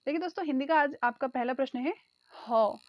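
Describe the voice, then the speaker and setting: High-voiced woman teaching exam prep. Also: brisk, no room sound. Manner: addresses viewers as friends, repeats key answers. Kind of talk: online exam-prep lesson.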